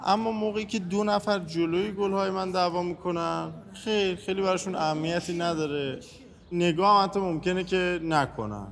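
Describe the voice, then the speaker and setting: A deadpan, formal young florist. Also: male voice, high-pitched, in a large hall. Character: dry-witted young florist, polite and formal. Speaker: florist partner.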